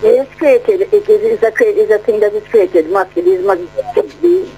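A woman's voice: medium pitch, animated, mellow, a little hiss or hum. Woman caller on a muffled underwater-sounding phone line. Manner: halting, repeats words, presses questions. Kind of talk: call-in radio question.

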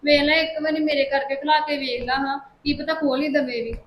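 Lady doing a stubborn auntie, high voice, roomy echo. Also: flat delivery, brisk, lightly acted. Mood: pleading. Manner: insistent, pleading. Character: aunt fighting to keep her nephew. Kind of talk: family drama acting.

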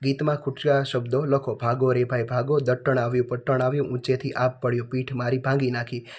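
A man goes through a children's workbook answer by answer. His voice stays in a narrow, even band, reading off lists of words one after another. It sounds like a patient teacher walking pupils through their exercises. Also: mid-range voice, brisk. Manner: reads answers in a flat, list-like way.

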